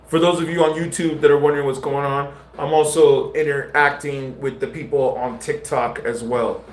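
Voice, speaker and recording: A man's voice: a little high, steady tone, moderate pace. A man live-streaming casual commentary, talking in slang straight to his viewers. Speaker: livestreamer. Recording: roomy echo with faint music.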